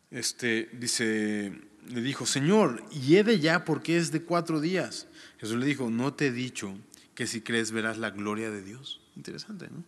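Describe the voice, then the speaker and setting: A man with a bright, forceful voice reads a scripture passage aloud, then breaks off to explain it in a relaxed, chatty way, often asking his listeners if they follow. The sound carries a long reverb, as if recorded in a large hall. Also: mid-range voice. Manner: reads scripture aloud, then comments conversationally with frequent tag questions. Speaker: Bible teacher. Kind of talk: Bible reading with casual commentary.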